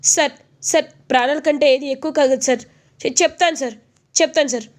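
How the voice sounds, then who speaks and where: A woman's voice: sits high, steady tone, brisk, lightly acted. Woman reading a stammering scared thug. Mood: terrified. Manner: stammering, pleading. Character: frightened male thug begging.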